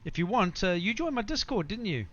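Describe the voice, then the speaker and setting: A man's voice: high voice, very animated, a little fast, a bit bright. A man chatting casually as he live-streams a flight simulator, addressing viewers in a matey way. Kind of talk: casual livestream chat and gameplay commentary. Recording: faint background noise, slightly dull sound.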